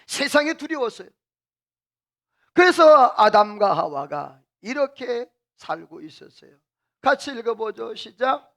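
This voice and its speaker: A man's voice: very high voice, sing-song, a little slow, a bit bright. A middle-aged male pastor preaching a sermon in a church, asking the congregation questions and having them repeat phrases after him. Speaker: senior pastor. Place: church sanctuary.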